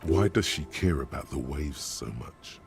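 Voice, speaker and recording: An actor voicing a grave, deliberate game narrator who speaks as the hero's inner voice. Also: male voice, a bass voice, lively intonation, faint music behind.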